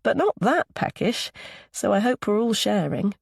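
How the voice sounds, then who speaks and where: Woman as a polite, guarded young mother for a storybook; gravelly, dry, close. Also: medium pitch, very animated, moderate pace, no echo, voice pushed up, full character voice.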